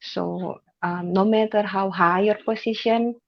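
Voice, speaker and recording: A woman's voice: mid-range voice, steady tone, a little slow, no echo, lo-fi sound. A middle-aged woman from Indonesia, a working mother and new business owner, answering interview questions in careful, hesitant English on a live stream.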